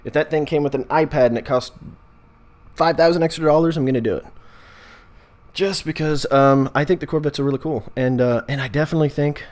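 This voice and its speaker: A man's voice: fairly high pitch, fairly even intonation, fairly quick, a little mellow. A man with an American accent chatting casually as a video host, rambling in a jokey way and often interrupting himself. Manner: jokey, meandering, self-interrupting. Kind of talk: casual rambling vlog chat.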